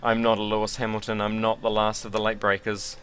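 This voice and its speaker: A man's voice: lowish voice, monotone, brisk, a bit bright. A man giving casual, rambling and self-deprecating commentary while sim racing.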